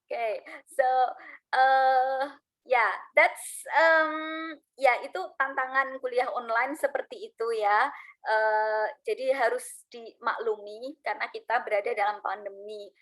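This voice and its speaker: A woman giving feedback to students in an online class, pausing often with drawn-out "eee" fillers in a gentle teacherly way. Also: on the high side, steady tone, rough recording. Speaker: university English lecturer. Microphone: video call.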